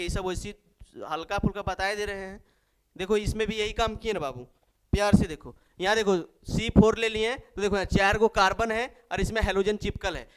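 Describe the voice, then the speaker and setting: A man's voice: high-pitched, clean tone. A male chemistry teacher with a Bihari accent gives a playful lesson. He jokes, repeats key phrases and fondly addresses his students.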